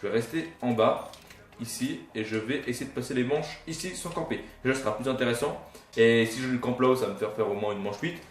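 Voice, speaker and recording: A man's voice: medium pitch, fairly quick, recorded from a distance. A young man giving casual gameplay commentary as a gaming YouTuber, rambling and self-mocking with casual swearing. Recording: roomy, off-mic, faint game music.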